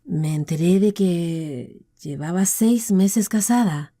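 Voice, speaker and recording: A woman narrator with a Latin American Spanish accent voicing a scarred, limping man who speaks calmly and ruefully to his lost love. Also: lowish voice, takes it slowly.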